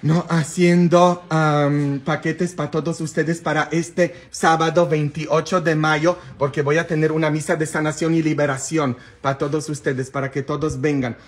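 Excitable high-voiced Mexican priest. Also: male voice, normal speed, few pauses. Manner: excitable, loud, joking. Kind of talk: casual live video chat with viewers.

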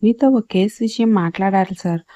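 Casting: woman playing a deferential young assistant in an audio story, eager, dark tone. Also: high voice, brisk, no echo, natural voice.

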